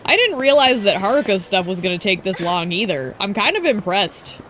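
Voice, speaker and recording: A woman's voice: medium pitch, very animated, normal speed, fairly bright tone, slight background noise, poor audio. A woman streamer giving casual gameplay commentary, talking in a blunt, exasperated, chatty way.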